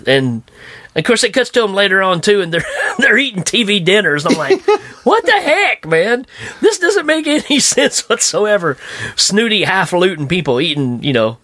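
A man's voice: on the high side, no echo. A man co-hosting a podcast, chatting casually and jokily about a bad movie, acting out scenes as he goes. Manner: jokey, animated, acts out scenes. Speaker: podcast co-host.

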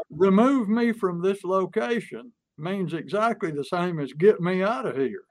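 A man talks through a point in a relaxed, folksy way, building little stories and acting out lines to make it land. His voice sits a little high, and the recording is close and dry with almost no room sound. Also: no room sound. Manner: folksy, illustrates with stories and acted examples. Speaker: sales and persuasion speaker. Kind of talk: conversational teaching chat.

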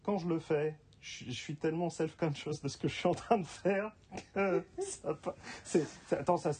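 Brief: male co-host, warm mellow tone, halting delivery that searches for words. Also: a little high, slightly rough. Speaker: podcast co-host and screenwriting teacher. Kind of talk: casual chat.

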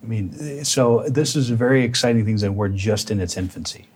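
A man's voice: fairly low pitch, moderate pace, darkish tone, slight background noise. A man speaking as a guest commentator, conversational and informal, with rhetorical tags.

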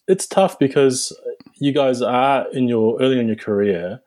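A man in his forties from New Zealand, a guest dentist answering interview questions in a reflective, halting way with frequent restarts. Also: medium pitch, darkish tone.

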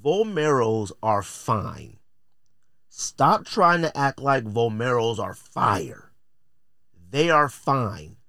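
An American podcast host delivers casual, opinionated commentary in slang, blunt and joking with theatrical flair. His mid-range voice swings widely in pitch, stretches out words, and has a sharp edge, recorded dry and clean in a studio.

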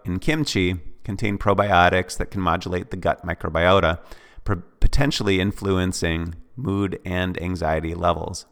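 A man with a low, deep voice reads through a wellness course script. He moves steadily from item to item and now and then drops a quick offhand aside. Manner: steady list-reading with occasional offhand asides. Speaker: fitness program instructor. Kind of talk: reading a course script aloud.

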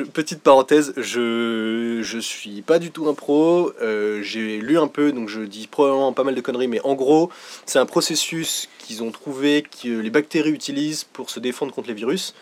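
A young man in his twenties chats casually as a podcast guest. He explains science with eager energy, but his speech is full of fillers and little hedges. His voice sits at a middle pitch. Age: 20s. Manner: enthusiastic explainer, hedging with many fillers. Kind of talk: casual chat.

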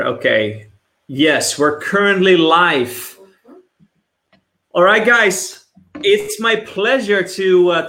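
A man's voice: on the high side, bright, forceful tone, echoey room. A man hosting a live online interview show, enthusiastic and full of stumbling restarts. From immigrant background. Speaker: host.

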